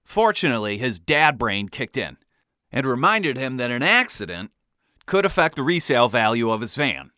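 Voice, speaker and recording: A man from the US Midwest tells a comic family story. His pitch swings widely as he delivers deadpan, overblown asides. The tone is bright and the recording close and dry. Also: moderate pace, dry recording.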